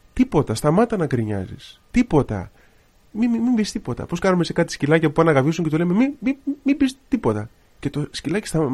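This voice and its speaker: A man's voice: medium pitch, darkish tone. A man, a priest and radio host, preaching an earnest sermon on air and exhorting listeners with repeated phrases.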